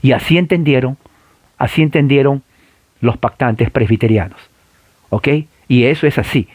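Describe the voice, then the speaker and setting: A man's voice: medium pitch, moderate pace, a little mellow, no room sound. A man lecturing on church history, who stresses and repeats key points, often tags on "eh" and "¿no?", and has his listeners repeat after him. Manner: frequent filler "eh" and tag questions.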